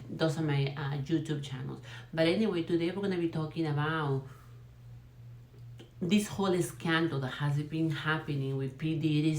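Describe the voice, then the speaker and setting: Deep-voiced woman, forties, chatty gossip host, lots of fillers, echoey room sound. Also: a little mellow. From Peru. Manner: chatty, rambling, many fillers and restarts. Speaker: YouTube channel host. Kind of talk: casual gossip commentary.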